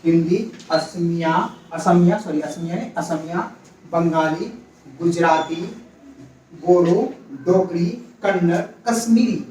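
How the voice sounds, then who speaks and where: A man with a slightly raised voice teaches a class, asking questions and repeating each answer slowly. He is heard from a distance in an echoey classroom, with faint noise behind him. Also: a little high, fairly even intonation. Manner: repeats key words, quizzes students; calls for quiet. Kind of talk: classroom lecture.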